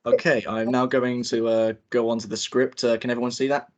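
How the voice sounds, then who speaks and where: A young man with a mid-range, level voice speaks briskly while informally running a table read. He narrates the stage directions and sounds a little hesitant.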